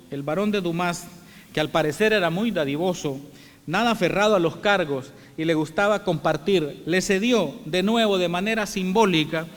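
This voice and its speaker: A man from El Salvador giving a formal welcome address as president of an international congress, telling the story in a measured, reflective way. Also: sits high. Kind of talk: formal speech. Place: large theatre hall. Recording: long hall reverb.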